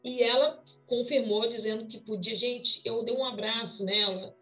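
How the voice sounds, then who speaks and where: A Brazilian woman pastor telling an emotional story in conversation, animated and expressive, often restarting her sentences. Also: on the high side, moderate pace, lo-fi sound, faint music behind. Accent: Brazilian Portuguese.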